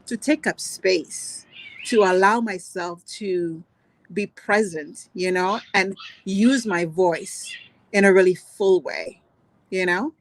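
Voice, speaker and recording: A woman's voice: mid-range voice, takes it slowly, no room sound. A woman, born in Grenada, telling a personal story earnestly and unhurriedly on a video call, with many "you know"s. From Grenada, raised in Trinidad and Tobago. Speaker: guest speaker.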